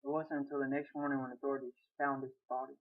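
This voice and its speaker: Fast-reading young man, tinny sound. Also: mid-range voice, level tone. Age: young adult. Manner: plain reading with small restarts. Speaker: student reading his own story. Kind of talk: reading a short story aloud.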